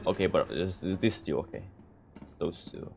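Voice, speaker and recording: A man's voice: sits low, lively intonation, moderate pace, vocal fry, darkish tone, faint music behind. A young man from Romania streaming a game, chatting casually with viewers in a laid-back, joking way with frequent laughs. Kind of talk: casual gameplay chat with viewers.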